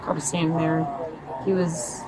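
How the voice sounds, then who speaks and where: A woman being questioned by police, giving a casual account in a halting, hedging way that trails off. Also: sits low, flat delivery. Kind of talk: casual spoken account to an officer. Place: outdoors at a roadside. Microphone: police body camera worn by another person. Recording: noisy roadside bodycam with vehicle sounds. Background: traffic and outdoor ambience.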